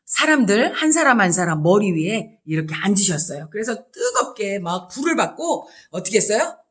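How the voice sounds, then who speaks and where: A woman evangelist telling a Bible story to children in a lively way and often asking them questions. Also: mid-range voice, moderate pace.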